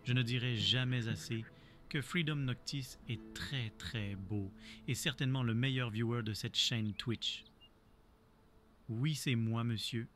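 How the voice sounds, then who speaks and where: A man's voice: medium pitch, a little slow, fairly bright tone, faint music behind. A text-to-speech clone of a man's voice with a Québécois accent, reading out viewer messages in a stilted synthetic delivery. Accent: Québécois French.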